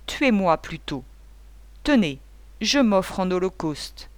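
A woman's voice: medium pitch, sing-song, slow, no echo. A woman doing a melodramatic self-pitying old mother. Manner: theatrical, cooing and pleading. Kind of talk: audiobook character voice.

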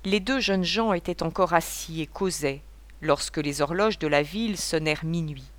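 A woman narrating a novel as an audiobook, in a measured literary reading. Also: deep voice, no room sound. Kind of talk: scripted narration.

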